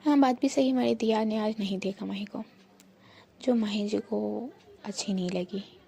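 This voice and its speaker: A woman's voice: mid-range voice, steady tone, normal speed, gravelly, mellow, breathy edge. A woman narrating an audio love story in a casual, chatty way, often speaking straight to her listeners. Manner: chatty, addresses listeners directly.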